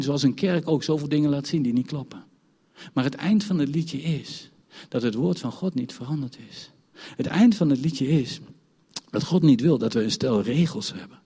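A man's voice: mid-range voice, dark tone, slightly rough, big-room sound. A man preaching a sermon, telling a story from his childhood and building to emphatic points.

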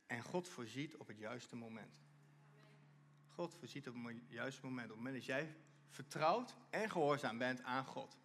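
A man preaching a sermon, lively, often repeating and restarting phrases and reading scripture aloud. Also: medium pitch, moderate pace, a little hiss or hum.

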